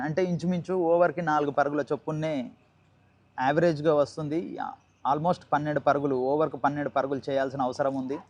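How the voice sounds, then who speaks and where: A man with a Telangana Telugu accent giving live cricket commentary, repeating and rephrasing himself and mixing in English cricket terms. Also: a little high.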